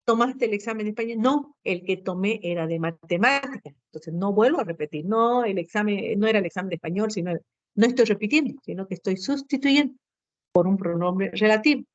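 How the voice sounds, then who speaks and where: A woman's voice: mid-range voice, expressive, a little fast, dry recording, muffled recording. A woman teacher giving a grammar lesson to students, explaining step by step, often adding tag questions and fillers.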